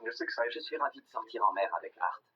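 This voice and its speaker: A man's voice: fairly low pitch, expressive, moderate pace, muffled recording, slight background noise. A man speaking as a cameraman in a nature documentary, in interview and field talk. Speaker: underwater cameraman.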